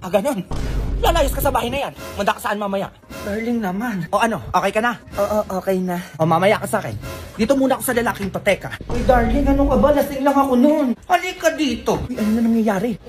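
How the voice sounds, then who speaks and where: A woman performing comic family skits, switching quickly between bickering characters. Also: a little high, faint music behind. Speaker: comedy sketch creator.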